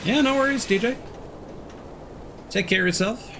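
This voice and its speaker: A man with a very high, creaky voice livestreams a game at a moderate pace, keeping up laid-back, friendly chat with viewers in casual let's-play style. Background noise runs under the audio.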